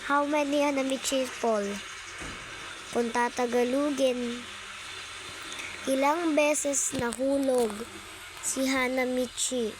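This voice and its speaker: A woman's voice: high voice, steady tone, slow, pauses often, noisy background. A young woman, casually commenting on her gameplay, stumbling over words and apologizing. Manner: stammering, apologetic, self-laughing. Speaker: gaming YouTuber.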